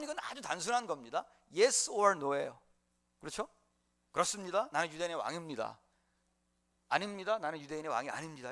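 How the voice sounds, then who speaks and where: A male preacher with a high, swooping voice. He tells the story in an animated way, full of fillers and chuckles. Preached in a church sanctuary. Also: creaky. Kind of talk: sermon.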